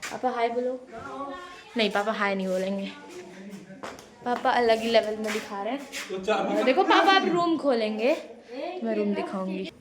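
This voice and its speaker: A young woman with a fairly high voice chats playfully through a home tour vlog, talking to her viewers as she walks room to room. Family voices murmur around her phone mic. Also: lively intonation, moderate pace, long pauses, a crowd in the background. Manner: chatty, playful, addressing viewers as guys. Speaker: vlogger. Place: family house, indoors and courtyard. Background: family members talking around her.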